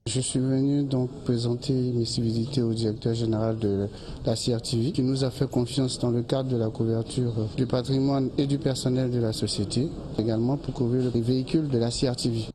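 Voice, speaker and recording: A male company director gives a formal, courteous statement. He speaks in a flat monotone, and room ambience is clearly heard behind him. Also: mid-range voice, a little fast, background noise. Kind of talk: interview soundbite.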